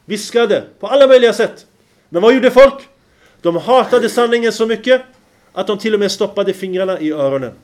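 A high-voiced male preacher gives a religious lecture, regularly checking that listeners are following by asking rhetorical questions. He recites Arabic verses with a chanting lilt.

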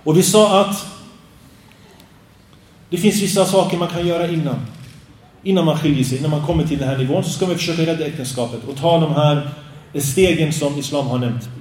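A man's voice: a little high, long pauses, a little mellow. A man giving an Islamic lecture, earnest and admonishing, often asking rhetorical questions. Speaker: preacher. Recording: roomy sound, distant mic.

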